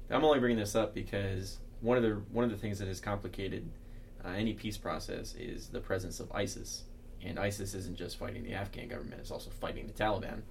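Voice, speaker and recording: A man's voice: low-pitched, creaky, slight background noise. A man co-hosting a podcast who asks probing, thoughtful follow-up questions. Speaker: podcast co-host.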